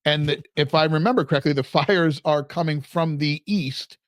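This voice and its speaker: A man's voice: a little high, normal speed, no room sound, clean studio sound. A man hosting a casual podcast, rambling a little and reading out numbers. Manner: rambling, reads out figures. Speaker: podcast host.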